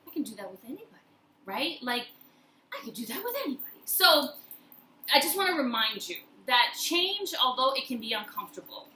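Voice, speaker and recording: In a motivational personal-growth video, a woman addresses the camera emphatically, repeating phrases to drive her points home. Her voice is a little high with a sharp tone. The room echoes and there's faint background noise.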